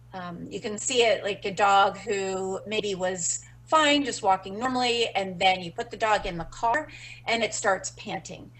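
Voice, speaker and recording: A woman leads a webinar lesson, talking things through in a loose, conversational way. She fills pauses with ums and uhs and restarts her sentences as she explains. Her voice sits at an ordinary middle pitch. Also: fairly bright tone, low-quality recording. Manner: explanatory, many fillers. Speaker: dog training instructor.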